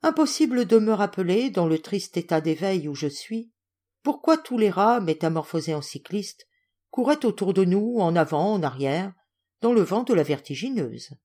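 Expressive woman reading a fairy tale. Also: medium pitch, normal speed. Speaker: audiobook reader. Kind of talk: scripted narration of a literary tale.

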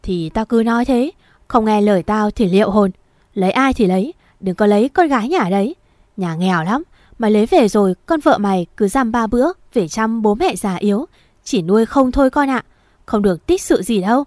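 Woman voicing a shrill scolding mother. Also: lively intonation, brisk, dry recording, clean studio sound, close to an everyday voice. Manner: scolding, harsh and loud. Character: shrill sharp-tongued middle-aged mother.

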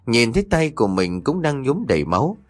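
A man's voice: medium pitch, big pitch swings, fairly quick, no echo. Dramatic male horror-story narrator.

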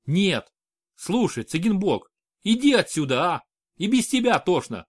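A man's voice: high-pitched, big pitch swings, unhurried, husky, pitched above the performer's own voice, exaggerated voice. A man reading an audiobook, voicing a bitter, volatile young male prince-regent in a raised, tense voice. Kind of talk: audiobook character voice.

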